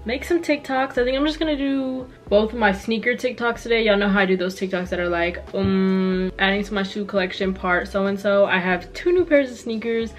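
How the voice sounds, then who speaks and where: Young woman vlogging in a medium pitch. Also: fairly quick, few pauses, soft background music. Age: around 20. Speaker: student vlogger. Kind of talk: casual chat to camera. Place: small bedroom, indoors.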